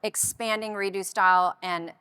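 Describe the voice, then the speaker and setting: A woman's voice: mid-range voice, fairly even intonation, moderate pace, pushed and bright, clean tone, no echo. A woman in her thirties, a guest upcycling designer, talking enthusiastically in a panel interview with frequent restarts.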